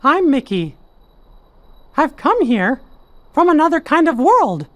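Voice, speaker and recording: Tiny cartoon mouse hero, high falsetto, animated intonation, earnest, kindly, game dialogue. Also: male voice, slow, exaggerated voice. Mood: earnest, gentle. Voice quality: falsetto, squeaky.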